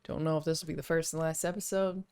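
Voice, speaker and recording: Sleepy low-voiced young woman podcaster. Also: fairly even intonation, fast, mellow, clean tone. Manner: chatty, tentative, many fillers. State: sleepy, groggy voice. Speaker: podcast host. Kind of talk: casual chat. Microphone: video call.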